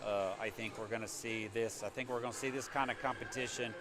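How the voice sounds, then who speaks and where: A man's voice: lowish voice, steady tone, fast talker. A man giving hockey color commentary, nervous about the close game and cheering the home team on. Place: ice rink.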